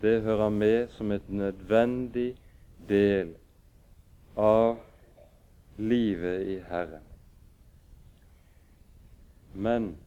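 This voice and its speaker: A man preaching a sermon and reading scripture aloud in a measured, solemn way with pauses. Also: fairly low pitch, fairly even intonation, dark tone, clear, resonant tone. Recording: dull lo-fi recording.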